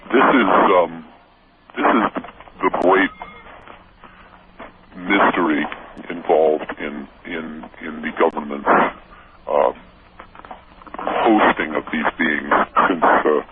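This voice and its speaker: A man speaking through a voice changer that shifts his voice deep, talking in halting phrases full of fillers and restarts as an anonymous radio guest. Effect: voice changer, deep pitch-shifted. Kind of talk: radio interview by phone. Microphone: telephone. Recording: tinny phone line with hiss.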